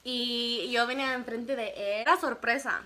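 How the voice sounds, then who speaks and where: Bright, animated woman storyteller. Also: fairly high pitch, normal speed. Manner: animated, laughs often, acts out quotes. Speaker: vlogger telling her story. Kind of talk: casual storytime chat.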